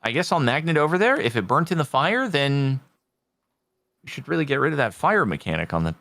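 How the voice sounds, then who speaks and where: Male gaming streamer, casual and expressive pitch, muses aloud, very dry recording. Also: a little fast, dry recording. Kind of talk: casual game commentary.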